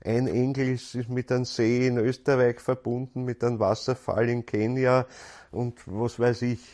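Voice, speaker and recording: A man's voice: mid-range voice, level tone, normal speed, darkish tone. A man gives a spiritual lecture in a thoughtful, searching way, often repeating words as he goes.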